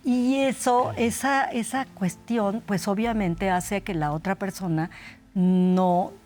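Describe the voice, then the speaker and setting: A woman's voice: mid-range voice, steady tone, takes it slowly, a little mellow. A woman speaking as an expert guest in a studio conversation, thinking aloud and restarting sentences. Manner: thoughtful, restarts mid-sentence.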